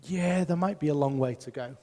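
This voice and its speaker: A man's voice: on the high side, brisk, dark tone, long reverb tail. A man preaching a sermon as pastor, emphatic and putting rhetorical questions to his congregation. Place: church hall.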